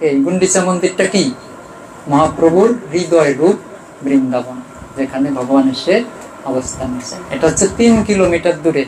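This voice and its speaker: High-voiced man preaching a devotional talk. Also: brisk, reverberant, background noise. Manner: asks questions and answers them himself; rises in pitch and volume for emphasis, trails off low. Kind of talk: devotional sermon with chanted verses.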